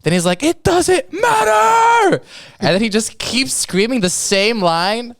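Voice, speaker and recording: A young man co-hosting a podcast, telling a story in casual chat with lots of laughing and mimicked shouts. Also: sits high, moderate pace, no echo, studio quality. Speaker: podcast co-host.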